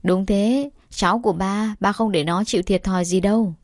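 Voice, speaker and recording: Brief: woman narrator as a steady, quietly firm father, dry close recording. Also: mid-range voice, moderate pace, dry recording, natural voice. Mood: calm. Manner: quiet, composed. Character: calm steady middle-aged father.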